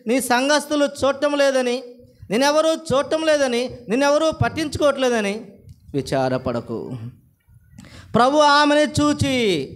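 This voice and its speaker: A man preaching a sermon, repeating phrases and asking the congregation rhetorical questions. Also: very high voice. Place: church service.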